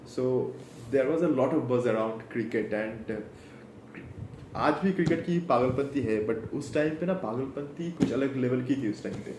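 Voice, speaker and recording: A man's voice: medium pitch, takes it slowly, echoey room, noisy background. A young man from Kolkata with an Indian accent, chatting casually about football in a rambling way, full of fillers and restarts. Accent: Indian English, Bengali. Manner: rambling, code-switching, many fillers and restarts. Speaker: football vlogger. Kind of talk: casual chat to camera.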